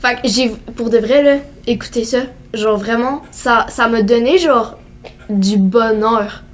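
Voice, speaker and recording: Her voice sits a little high and moves a little slowly as this Québécois French-accented teenage girl co-hosts a laid-back podcast conversation. She wanders from point to point, scattering "genre" and "euh" throughout.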